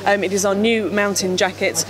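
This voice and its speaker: At a trade show stand, a woman in her thirties, a company representative, explains products into a handheld mic held by an interviewer, speaking with many fillers and restarts. Her voice is medium-pitched and steady at a moderate pace, with crowd chatter behind her.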